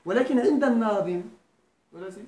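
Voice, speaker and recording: In an echoey lecture room at a Quran school, a male Arabic grammar teacher with a Moroccan accent delivers a lesson, frequently quizzing students and checking they keep up. His voice is high, brisk, and mellow, with faint background noise in the recording.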